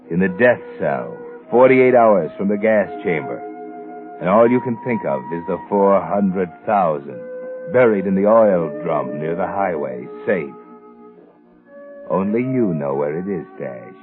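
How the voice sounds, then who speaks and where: An ominous American narrator of dark secrets in a 1940s radio suspense play. His lowish voice is brooding and theatrically taunting. It comes through a muffled vintage recording with music behind it. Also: animated, a little slow. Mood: mocking, grim. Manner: brooding, theatrical, taunting second-person address. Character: ominous male narrator who walks by night, knows dark secrets.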